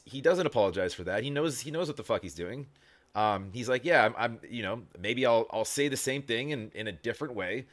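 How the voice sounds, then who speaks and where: A man's voice: medium pitch, a bit bright. A man hosting a casual reaction video, rambling with lots of fillers and restarts and casual swearing.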